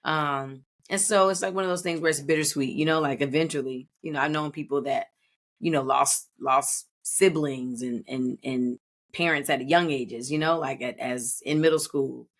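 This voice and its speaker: A woman's voice: sits low, fairly even intonation, moderate pace. A woman in her thirties co-hosting a podcast, talking in a reflective, rambling way with many restarts. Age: 30s. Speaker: podcast co-host. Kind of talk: casual podcast chat.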